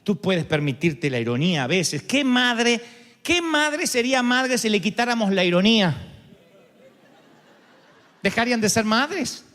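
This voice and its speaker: A man's voice: high voice, measured pace, long pauses. A man with a Rioplatense Spanish accent preaching a sermon as pastor, ironic and humorous, telling stories to the congregation. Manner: ironic, humorous, animated storytelling. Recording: long hall reverb.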